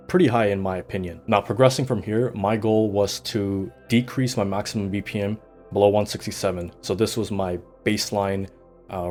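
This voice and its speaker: A man giving a scripted voice-over for his fitness vlog, steady and matter-of-fact as he lists his numbers. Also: lowish voice. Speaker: vlogger.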